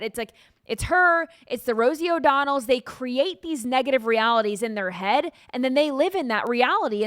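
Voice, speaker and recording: A woman's voice: high-pitched, fairly bright tone, no room sound, clean studio sound. A woman hosting a commentary show, talking in a dismissive, emphatic way. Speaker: show host. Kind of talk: opinionated commentary.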